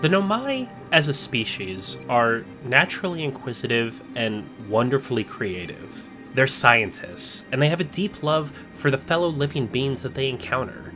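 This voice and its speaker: Soft guitar plays behind a man's scripted voice-over for a video essay. His mid-range voice is animated yet measured, and he slows down to stress key points.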